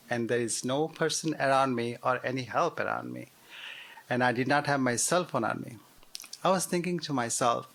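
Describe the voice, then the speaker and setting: A man's voice: medium pitch, fairly bright tone. A man in his forties from Bangladesh with a Bangladeshi accent, telling a live story on stage with wry, self-deprecating humor and frequent fillers. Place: theater stage before a live audience.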